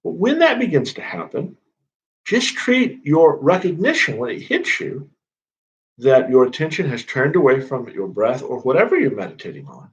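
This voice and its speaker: A man working as a spiritual counselor, giving calm, measured guided meditation instructions in a gently inviting way. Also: mid-range voice, highs cut off.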